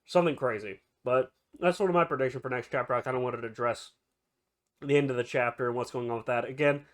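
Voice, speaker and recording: A man's voice: mid-range voice, quick pace. A man with a nasal, stuffed-up voice from a cold, casually talking viewers through his review and predictions, often restarting his sentences. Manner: rambling, self-correcting, speaks straight to viewers. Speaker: anime and manga reviewer. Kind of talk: casual chapter review commentary.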